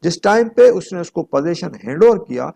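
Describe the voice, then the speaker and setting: A very animated man with a high-pitched, creaky, dark-toned voice delivers a law lecture at a moderate pace. He reads formal statute, then restates it in teaching fashion, repeating and rephrasing with plain examples.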